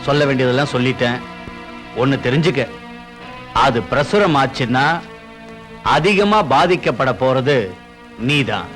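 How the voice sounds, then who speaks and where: A man's voice: mid-range voice, animated, a little slow, long pauses, a bit bright. An actor playing a scheming, powerful man who coldly threatens a woman, in dubbed film dialogue with faint music behind. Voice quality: cold, threatening. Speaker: menacing official.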